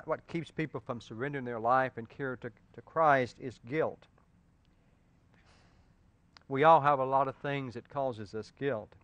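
A man preaching a sermon, swinging from loud pleading peaks to soft earnest talk and asking his listeners direct questions. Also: mid-range voice, no room sound.

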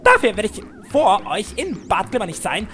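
A man's voice: high voice, sing-song, moderate pace, pitched above the performer's own voice. A man reading aloud the lines of a scheming, pompous male villain from a game. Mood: gloating.

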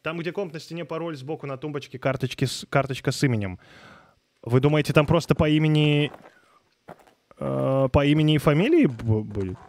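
A man with a somewhat high, darkish voice talks a little fast during a casual gaming live stream, close to the mic and without room sound. He offers informal commentary, mutters when puzzled, swears, and reads and responds to his chat.

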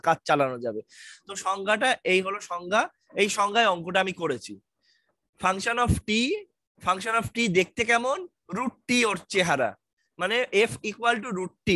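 Male math lecturer, Bangladeshi accent, high bright voice, dry close sound, patient and reassuring. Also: no room sound. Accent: Bangladeshi Bengali. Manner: reassuring, asks students questions, mixes English terms. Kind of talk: online lecture, casual explaining.

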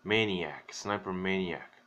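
Man, low voice, casual gaming chatter, crude jokes, gum in mouth. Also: measured pace, a bit bright, a little hiss or hum. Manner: swears, jokes and reads game text aloud, chewing gum. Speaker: gamer playing a horror game. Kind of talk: casual gameplay commentary.

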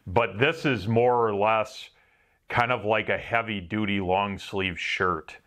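Man, Wisconsin accent, fairly low voice, rambling, self-mocking welder, casual gear review. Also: fairly even intonation, takes it slowly, fairly bright tone. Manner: rambling, offhand, self-mocking, with some swearing.

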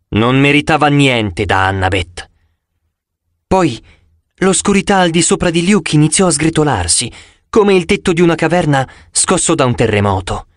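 A man reading a first-person audiobook narration in an expressive storytelling manner. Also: a little high, no room sound, studio quality.

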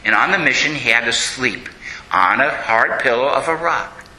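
A man, a priest, preaching a sermon and telling saint stories in a lively storytelling manner. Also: medium pitch, normal speed, roomy sound, poor audio.

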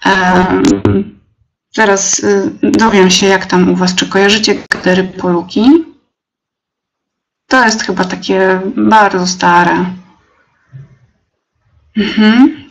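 A young woman teacher leading a live webinar, explaining step by step with many fillers and pauses. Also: medium pitch, steady tone, a little hiss or hum. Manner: slow, hesitant, many fillers, reads out chat replies.

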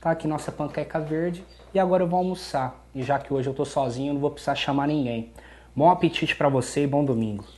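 A man's voice: fairly high pitch, fast talker. A man in his thirties with an interior São Paulo Brazilian accent, casually walking viewers through a recipe in a home kitchen. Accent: Brazilian Portuguese, São Paulo interior. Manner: relaxed, chatty, keeps addressing viewers. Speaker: cooking show host. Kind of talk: casual cooking demonstration. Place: home kitchen and outdoor street market.

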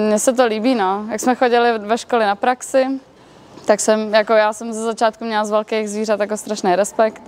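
A young woman working on a farm, talking casually and a little haltingly in an interview. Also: medium pitch, a little hiss or hum. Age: young adult. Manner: chatty, with fillers and restarts. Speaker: farm worker. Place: indoors in a large cattle barn.

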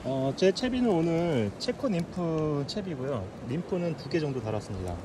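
A man narrating his fly fishing outing in a relaxed, explanatory way, with frequent fillers. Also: on the high side, normal speed, music in the background. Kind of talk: casual narration to camera. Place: riverbank outdoors and inside a car. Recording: outdoor camera audio with background noise.

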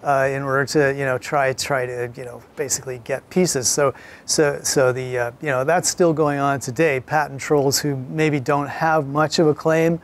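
A man's voice: mid-range voice, fairly even intonation, moderate pace, slight background noise. A man lecturing a college class in a conversational way, often repeating words as he thinks aloud.

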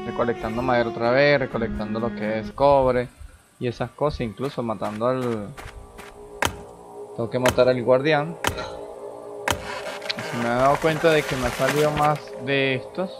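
A man talks his way through a game session in a loose, rambling way, thinking aloud as he goes. His voice sits at an ordinary middle pitch. Game music plays clearly behind him. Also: fairly even intonation, moderate pace, pauses often. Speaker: gaming channel host. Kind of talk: casual gameplay commentary.

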